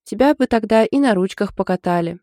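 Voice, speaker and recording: A woman's voice: medium pitch, expressive, a little fast, dark tone, no room sound, studio quality, pitched above the performer's own voice, natural voice. A woman voicing a wry, sour-tongued young woman friend in an audiobook.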